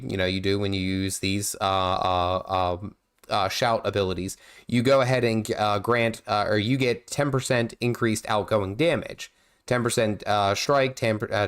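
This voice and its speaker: Lowish and clean in tone, his voice has a nasal, under-the-weather quality from being sick. He's a gaming streamer rambling through casual commentary mid-game, with lots of fillers and restarts.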